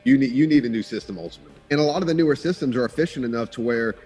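A man's voice: mid-range voice, very fast, darkish tone, breathy edge, faint music behind. A man in his thirties, a business owner joining a radio interview by video call, explaining things in a matter-of-fact way. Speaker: HVAC business owner, guest. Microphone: video call webcam.

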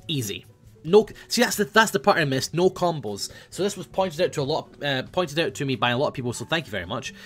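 A young man runs a hyper, chatty gaming commentary, reeling off food orders as he plays. His voice sits at a middling pitch, and faint music plays softly underneath. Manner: hyper, chatty, calls out orders while playing. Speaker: gaming video host. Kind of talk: casual let's-play commentary.

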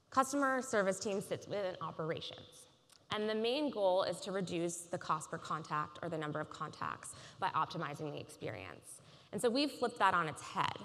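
A woman in her thirties giving a polished, measured conference keynote on a large stage. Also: medium pitch, fairly bright tone. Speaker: keynote speaker. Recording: reverberant conference hall.

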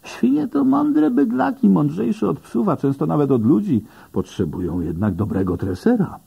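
A cocky blind army veteran argues back with indignant, swooping outbursts, as a man voices him in an audiobook. The voice is husky and pitched higher than the reader's own. It comes through a dull, lo-fi recording. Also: sing-song, warm tone, exaggerated voice. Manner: indignant, fast-talking arguments.

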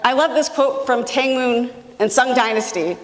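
A woman's voice: a little high, moderate pace. A woman giving an enthusiastic public science lecture in a large lecture hall, speaking emphatically and talking straight to the audience. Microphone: far camera, room mic. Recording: distant voice in a reverberant hall.

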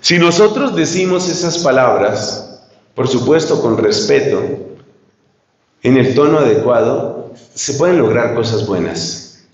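A man's voice: mid-range voice, animated, a little slow, long pauses. A man, a priest giving an earnest retreat talk and putting questions straight to his listeners. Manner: earnest, speaks straight to the audience, poses questions. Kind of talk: lecture to a retreat group. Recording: echoey room, dull lo-fi sound.

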